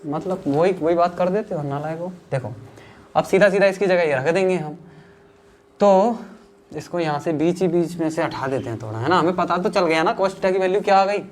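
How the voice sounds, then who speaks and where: North indian maths teacher, chatty and teasing, faint hiss behind him. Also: male voice, high-pitched. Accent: Hindi, north Indian. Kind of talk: informal classroom lesson.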